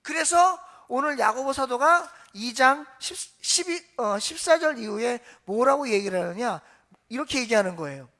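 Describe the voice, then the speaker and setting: A woman's voice: fairly high pitch, expressive, normal speed, fairly bright tone. A woman pastor preaching a sermon in a church, asking the congregation questions and answering them herself. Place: church sanctuary.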